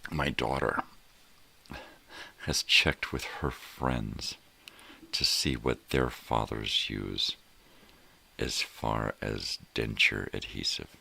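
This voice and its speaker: A middle-aged or older man with a gravelly, raspy voice, chatting in a laid-back, rambling way as he hosts a morning live stream, often repeating himself. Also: very deep voice, fairly even intonation, takes it slowly, long pauses, pushed and bright. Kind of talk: casual rambling vlog chat.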